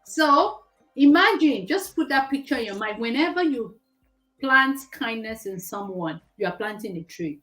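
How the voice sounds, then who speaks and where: A woman teaching children like a kids show host, animated and emphatic, repeating phrases and putting questions to her young audience. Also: fairly high pitch, moderate pace, soft background music, rough recording. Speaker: host of a children's lesson on moral values.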